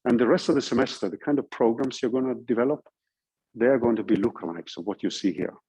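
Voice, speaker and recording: Quick and mid-pitched, this Norwegian man's voice has a dark, slightly rough tone, captured on a low-quality recording. He is giving an informal university lecture that walks through code, explaining step by step and checking in with his listeners.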